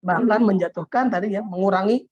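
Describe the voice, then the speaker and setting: A moderator steering an online class, talking fast in a husky voice and summing up each point the teacher makes. The sound is dry and dull, as heard over a video call. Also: mid-range voice, a little mellow. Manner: echoing and summarizing the teacher's points. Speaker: workshop moderator.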